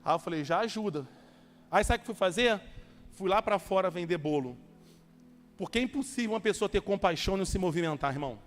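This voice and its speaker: High-voiced pastor preaching in a hall. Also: male voice, animated, fast, soft background music. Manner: storytelling preacher acting out dialogues, urging. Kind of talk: sermon.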